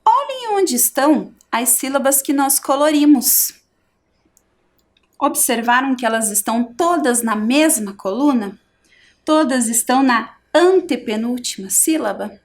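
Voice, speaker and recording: A middle-aged woman with a Brazilian Portuguese accent, teaching a primary school lesson and splitting words slowly and clearly into syllables. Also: high voice. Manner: slow, clear syllable-by-syllable explanation.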